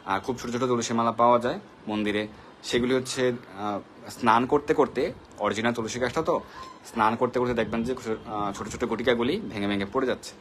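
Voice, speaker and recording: A man's voice: medium pitch, steady tone, fairly quick, a little hiss or hum. A man hosting a live devotional question-and-answer session, patiently explaining and greeting viewers by name. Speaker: devotional Q&A host.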